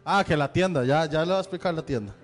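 A man's voice: on the high side, fast. A male pastor with a Central American Spanish accent, giving chatty church announcements and joking with the congregation. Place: church sanctuary. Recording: long hall reverb with faint music.

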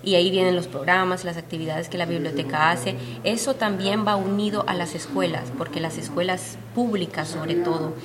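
At a crowded book fair, with chatter all around, a guest publisher from Honduras describes her work in an earnest, steady interview. Her voice is lowish and fairly even, moving at a moderate pace with few pauses.

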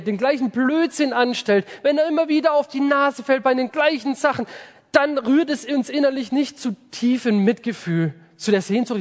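A man preaches to his congregation with a high, bright voice that leaps to loud outbursts and drops to near whispers. His sermon rings out in a reverberant hall. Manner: lively, swings from loud outbursts to soft intimate lines.

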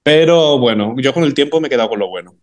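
A man's voice: medium pitch, expressive, fast. A man telling stories frankly and bluntly in a casual podcast chat. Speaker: podcast co-host.

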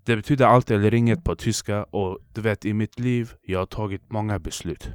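Low-voiced man in slangy banter. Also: steady tone, smooth, no echo, studio quality. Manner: slang-heavy street talk, boastful. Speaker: podcast guest. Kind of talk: casual chat.

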